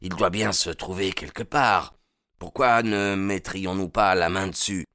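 A man's voice: low voice, unhurried, pushed and bright, no echo, clean studio sound. A man voicing a frustrated, sullen male police inspector in an audiobook reading. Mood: glum. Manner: sullen, grumbling.

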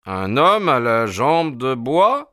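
A man voicing a shrewd gentleman detective in an audiobook, pitched a bit above his narrating voice. He speaks briskly with lively inflection, recorded dry and close. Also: clean tone, no room sound. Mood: coaxing. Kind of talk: audiobook character voice.

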